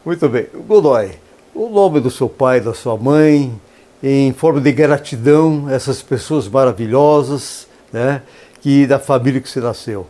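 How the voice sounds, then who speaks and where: A man hosting an interview from a radio studio, his voice at a middle pitch. He speaks formally and ceremoniously, and his praise comes out flowery and elaborate. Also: measured pace, mellow. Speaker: radio interview host, professor.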